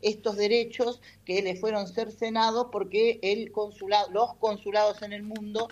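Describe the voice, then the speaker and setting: A woman's voice: mid-range voice, little pitch movement, normal speed, a little mellow, muffled recording. A woman explaining a legal matter in an interview, hesitating often with fillers. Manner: explanatory, many hesitations with "este". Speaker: patronato representative. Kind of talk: radio-style interview answers.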